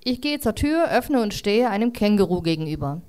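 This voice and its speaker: A woman reads a story aloud to listeners in a relaxed, chatty manner. She breaks off now and then with fillers. Her pitch sits mid-range for a woman. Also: brisk. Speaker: reader. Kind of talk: casual reading aloud to an audience.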